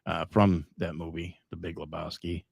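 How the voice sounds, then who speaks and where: Hosting a live podcast, a middle-aged man speaks at normal speed in a low voice with a totally flat delivery, vocal fry, and a breathy edge. The recording is dry and studio-quality, and he talks in a rambling, emphatic way, frequently chuckling.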